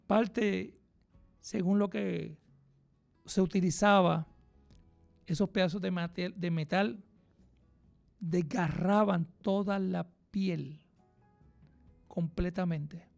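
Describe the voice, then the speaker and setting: Male radio preacher, high gravelly voice, fervent, hush to loud. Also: steady tone, soft background music. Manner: impassioned, swings from hushed to loud and fast. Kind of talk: radio sermon.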